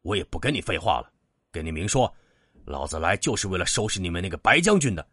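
A man voicing a bold, hot-tempered demon hunter who speaks loudly and bluntly. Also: low voice, animated, brisk, no echo, clean studio sound. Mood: scolding. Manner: loud, blunt and taunting.

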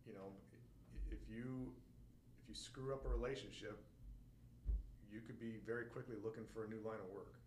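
A man chatting on a podcast in a measured, agreeable way. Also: on the low side, fairly even intonation, darkish tone, slight background noise. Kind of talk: casual chat. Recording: roomy echo, faint ambience.

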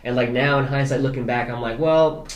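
A man's voice: mid-range voice, fairly even intonation, fairly quick, echoey room, muffled recording. A man, an actor guest on a podcast, talking casually and often asking "you know what I mean?".

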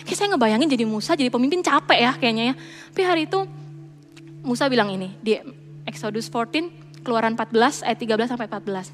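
A young woman, preaching in a chatty, animated way and slipping in English phrases. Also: a little high, fast talker. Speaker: church speaker. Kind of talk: casual sermon. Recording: reverberant church hall with faint music.

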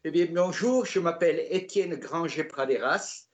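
A man in his sixties with a Gascon French accent, telling his life story in a relaxed, casual way with frequent hesitations. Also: a little high, moderate pace, soft background music. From southwest France. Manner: relaxed, hesitant with many "euh" fillers. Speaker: interview guest.

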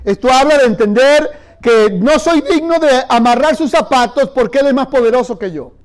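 A male pastor delivers a sermon in a strikingly high voice. He tells stories and speaks directly to his church, leading them in call-and-response. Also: lively intonation, normal speed. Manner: leads the congregation in call-and-response; storytelling, addressing the church directly.

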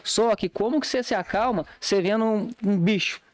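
A man with a fairly high voice tells stories at a quick pace, loose and full of slang. His voice is close and dry, with no room sound around it, on a casual podcast. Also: no room sound. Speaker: podcast co-host. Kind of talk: casual chat. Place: podcast studio.

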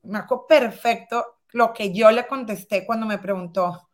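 A woman in her thirties telling a personal story as a guest in conversation, lively and acting out past dialogue. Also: fairly high pitch, normal speed. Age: 30s.

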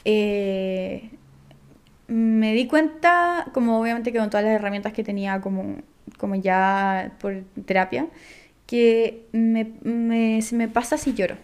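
Rambling young Chilean woman, high voice. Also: slow, smooth. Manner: rambling, heavy slang, fillers. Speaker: podcast guest. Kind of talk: casual chat.

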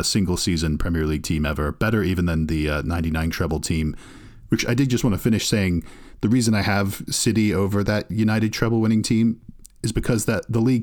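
A man's voice: low-pitched, a little mellow. A man co-hosting a casual sports podcast, opinionated and teasing, with many filler sounds. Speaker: podcast co-host.

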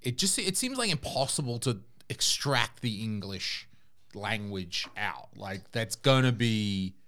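A man's voice: lowish voice, sing-song, a little slow, a bit bright. A man hosting a casual conversation, putting rambling questions and hypotheticals with some swearing. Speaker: podcast host.

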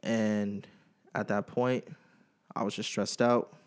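A man's voice: fairly low pitch, flat delivery, slow pace. Candid young man telling his story. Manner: candid and emotional, with casual slang. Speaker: podcast host. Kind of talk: personal monologue.

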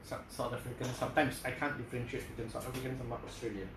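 A man's voice: medium pitch, steady tone, rapid-fire. A man in casual podcast chat, mixing Malay and English and stumbling over his words. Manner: mixes Malay and English, stammers when explaining. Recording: roomy with background noise.

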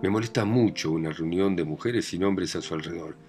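Speaking a little fast in a low, slightly mellow, natural voice, a Rioplatense Spanish-accented man performs a bossy, doting older mother who scolds, boasts, and meddles in her grown family's lives. The read-aloud play has soft music underneath.

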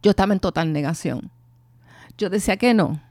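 A middle-aged woman speaking earnestly and from the heart, telling her own story of grief with pauses and restarts. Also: lowish voice, darkish tone, no room sound. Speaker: bereaved mother sharing her testimony. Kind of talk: personal testimony and talk on grief.

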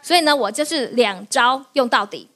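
A woman pastor, preaching a lively sermon, often laughing and firing quick questions at her listeners, then answering them herself. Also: on the high side. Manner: laughs often while teaching.

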